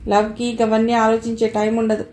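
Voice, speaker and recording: A woman voicing a gruff middle-aged husband with a Telangana Telugu accent, curt and dismissive. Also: a little high, monotone, brisk, darkish tone, reverberant, slight background noise, lightly acted.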